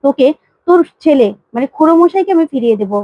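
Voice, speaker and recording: A woman's voice: high voice, expressive, quick pace, no room sound, highs cut off. A woman voicing an emphatic young woman who coaxes and repeats herself. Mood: urgent. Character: pleading, commanding young woman Durga.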